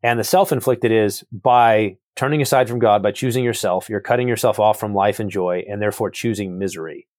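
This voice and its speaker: A man's voice: fairly low pitch, brisk, few pauses, darkish tone, dry recording, studio quality. A man, an author and guest, talking thoughtfully through theological ideas and often repeating words as he builds a point. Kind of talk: reflective theological conversation.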